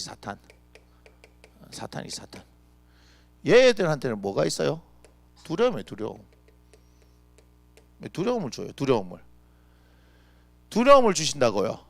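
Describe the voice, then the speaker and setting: A male pastor preaching a lively, conversational sermon full of rhetorical questions. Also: on the high side, creaky, no echo. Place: church.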